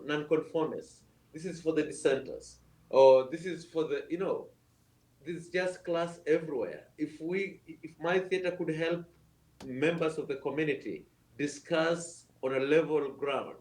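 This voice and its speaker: A man's voice: fairly high pitch, a little mellow, roomy sound. A man from Kenya, a theatre producer, speaking earnestly on a video call panel and repeating words as he searches for phrasing. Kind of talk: panel discussion.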